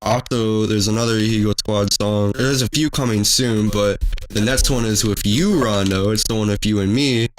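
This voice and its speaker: A young man on a casual group podcast, a musician, tossing in crude deadpan jokes. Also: on the low side, moderate pace.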